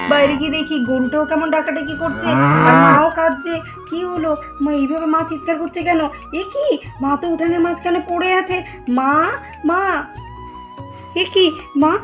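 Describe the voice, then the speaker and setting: Brief: actress as an anxious daughter-in-law in a doll cartoon, high voice, urgent and caring. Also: female voice. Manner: urgent, worried questioning.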